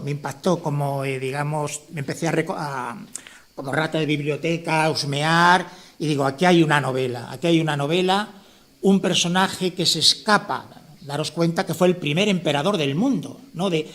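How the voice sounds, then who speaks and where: Male author from La Mancha, fairly high voice, loose rambling delivery full of restarts and tag questions. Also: moderate pace, fairly bright tone. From La Mancha, Spain. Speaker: author presenting his novel. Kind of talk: informal speech at a book presentation.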